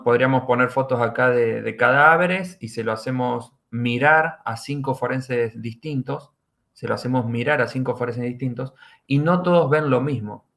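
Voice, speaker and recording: A man's voice: medium pitch, a bit bright. A middle-aged man with an Argentine accent, a forensic doctor guest on a podcast, explaining his work and repeating key phrases for emphasis. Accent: Argentine Spanish. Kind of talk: podcast interview.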